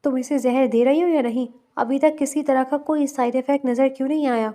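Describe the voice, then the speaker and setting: Casting: greedy young male schemer, angry and threatening, high voice read by a woman narrator. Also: fairly even intonation, mellow, lightly acted.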